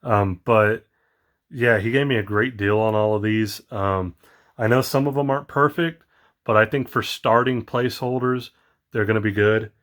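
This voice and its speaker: A man talks casually in a slightly low voice, full of ums and uhs as he rambles. He sounds excited but tired, as if it is late at night. The delivery is loose and unscripted, like a hobby vlog. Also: normal speed. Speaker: toy collector vlogger.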